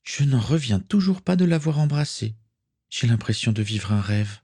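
A worn-out young woman, soft and dreamy, her voice raised above the reader's own, as a man puts her on. Her storybook lines sound quiet and full of wonder. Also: medium pitch, expressive, moderate pace, husky, no echo, studio quality, pitched above the performer's own voice. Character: young woman, tired but dreamily happy.

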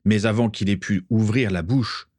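A man narrating a storybook aloud with an expressive reading. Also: on the low side, moderate pace, no echo, clean studio sound. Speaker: audiobook reader.

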